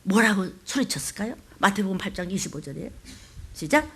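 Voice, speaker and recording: A woman's voice: fairly high pitch, lively intonation, a little fast. An older woman pastor preaching a sermon. She acts out the voices of scripture and calls on the congregation to respond.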